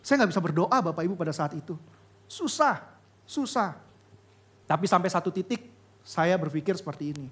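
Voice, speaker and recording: A man preaching a sermon as pastor, telling a personal story with loud exclamations and hushed, soft passages. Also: high voice, brisk, long pauses, breathy edge. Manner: expressive storytelling, swings between loud exclamations and hushed confession.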